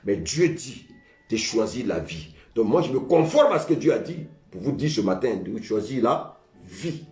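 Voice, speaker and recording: A pastor preaches a sermon in a lowish, slightly mellow voice at normal speed, very animated throughout. He often says "bien aimé" ("beloved") and calls for the congregation to answer back. The sound is roomy.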